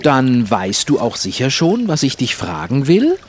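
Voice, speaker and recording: Lively, slow-paced male kids' radio host. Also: mid-range voice, crowd noise. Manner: cheerful and playful, with lively intonation. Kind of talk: scripted presenting for children.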